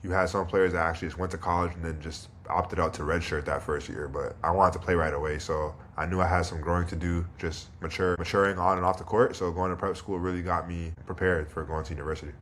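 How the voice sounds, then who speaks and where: Deep-voiced man, relaxed guest. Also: fast talker, hardly any pauses, slight background noise. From Toronto, Canada. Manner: relaxed and reflective, leans on "you know" and "like". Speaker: guest, pro basketball player. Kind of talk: casual interview.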